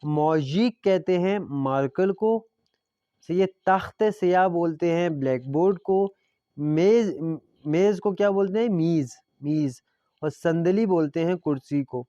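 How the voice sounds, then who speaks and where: A man teaching a language lesson in a smooth, resonant, fairly high voice, patiently repeating each word slowly so learners can catch it. The recording is dry and a little dull. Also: mellow, dry recording.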